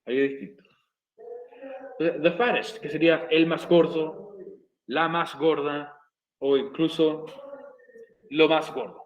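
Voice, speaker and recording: Man, teacher, slightly high voice, slow repetitive explaining, echoey room. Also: steady tone, highs cut off. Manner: slow, repeating explanations step by step. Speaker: English teacher. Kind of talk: recorded video lesson.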